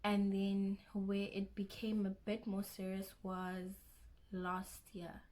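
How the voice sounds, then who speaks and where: A young woman with a South African accent chats casually in her first vlog, sounding nervous and self-conscious and restarting often. Her medium-pitched voice is monotone, a little mellow, and slow.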